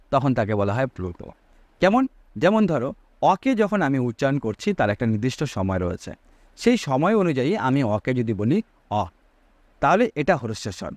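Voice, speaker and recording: A man's voice: on the high side, dry recording. A man teaching a Sanskrit grammar lesson, asking his students rhetorical questions and drawing out vowel sounds to show their length.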